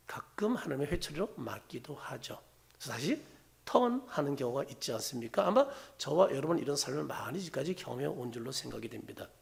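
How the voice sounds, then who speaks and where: Gravelly, lively Korean pastor preaching. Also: male voice, fairly high pitch. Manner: asks the congregation questions and answers them himself; lively preaching, rising and dropping to near-whispers. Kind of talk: sermon.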